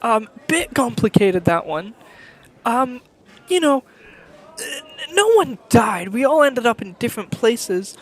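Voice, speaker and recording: A woman voicing a scheming male shapeshifter who rambles and stalls with fillers, speaking in a higher voice than her own. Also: big pitch swings, husky, full character voice. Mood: hesitant. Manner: rambling, halting, full of fillers.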